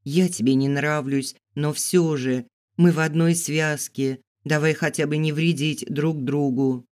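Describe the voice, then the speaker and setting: Guy doing a feisty young heroine, indignant, protesty, voice pushed up higher. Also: fairly even intonation, measured pace, natural voice. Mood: heated. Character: headstrong defiant young heroine.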